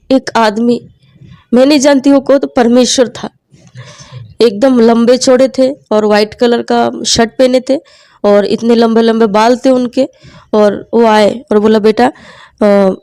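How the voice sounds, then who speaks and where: A young woman sharing a personal faith testimony, telling her story earnestly and haltingly and acting out her prayers. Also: on the high side, gravelly, dark tone, no echo. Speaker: testimony speaker.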